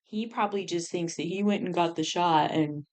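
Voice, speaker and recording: A woman co-hosting a podcast in casual conversation, chatty and quick to laugh, animated when retelling. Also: lowish voice. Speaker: podcast co-host.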